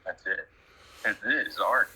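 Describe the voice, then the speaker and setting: Bright, husky-voiced man rambling. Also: on the low side, unhurried, rough recording. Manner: rambling, emphatic, many restarts. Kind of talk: casual conversation.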